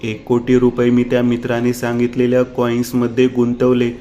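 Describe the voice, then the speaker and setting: A man's voice: medium pitch, monotone, brisk, dark tone, close to an everyday voice. A man voicing a desperate young man who has lost everything, panicked and pleading. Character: desperate young man ruined by bad investment.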